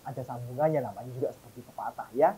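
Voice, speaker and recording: Male preacher from Surabaya, husky, emphatic, animated sermon delivery. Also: medium pitch, fast talker, poor audio. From Surabaya, East Java. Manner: animated, emphatic, addresses the congregation often.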